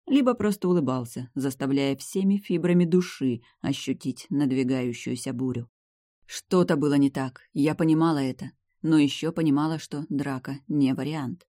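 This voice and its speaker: A reader giving measured, scripted first-person narration of an audiobook. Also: medium pitch, mellow, no echo, studio quality.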